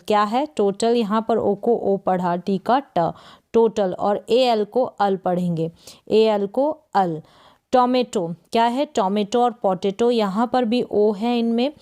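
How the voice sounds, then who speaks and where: A woman from India teaching English pronunciation in Hindi, spelling words out letter by letter and repeating them slowly with question prompts. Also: mid-range voice, mellow. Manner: slow, drilling repetition with "what is it?" prompts.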